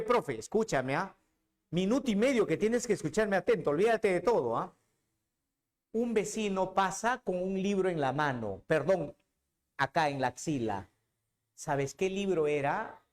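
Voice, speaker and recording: A man's voice: high voice, animated, unhurried, pauses often. A man, teaching literature as a dramatic storyteller who talks straight to the student. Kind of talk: animated lecture.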